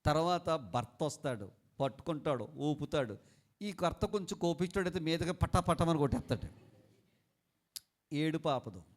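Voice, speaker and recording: A man preaching a sermon as pastor, leading the congregation to repeat after him, telling homely stories and asking them questions. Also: on the high side. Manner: fervent preaching, leading a congregation in call-and-response and shouted prayer; asks listeners questions and tells homely stories.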